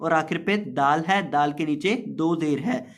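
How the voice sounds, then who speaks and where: A man's voice: on the high side, measured pace. A man teaching Quran reading step by step, patiently repeating and drawing out each word. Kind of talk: slow step-by-step lesson.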